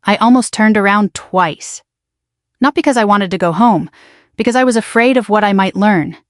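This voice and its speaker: A woman reading a dramatic first-person story in an even, measured way. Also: medium pitch, no room sound, clean studio sound. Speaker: narrator.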